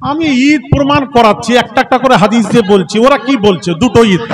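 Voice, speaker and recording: A man's voice: extremely high pitch, a little fast. A man arguing insistently into a microphone at a village religious debate. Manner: argumentative, insistent, rhetorical questions. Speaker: religious scholar in a public debate. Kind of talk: heated public debate over a microphone. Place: village gathering.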